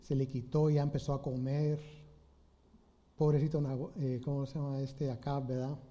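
A man preaching an informal sermon, retelling a Bible story in a halting way with many restarts and rhetorical questions. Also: medium pitch, flat delivery, mellow. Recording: slightly dull lo-fi audio.

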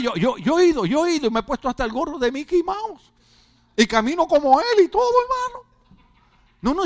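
A male pastor preaching a humorous sermon, joking and chatty with rhetorical questions. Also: extremely high pitch.

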